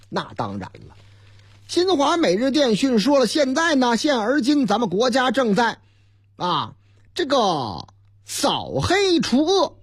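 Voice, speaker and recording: A man's voice: high-pitched, breathy edge, dry recording, clean studio sound. A man with a Beijing accent hosting a radio news show, reading the papers aloud in a chatty way with joking asides and rhetorical questions. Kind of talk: chatty newspaper-review commentary.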